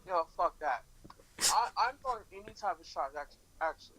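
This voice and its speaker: A twenty-one-year-old man talks casually as a guest and rambles, often stopping to restart his thoughts. His voice is bright and lively, with a wide swing in pitch from moment to moment. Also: quick pace, gravelly, a little hiss or hum, rough recording. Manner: rambling with many restarts and fillers. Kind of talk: casual podcast chat.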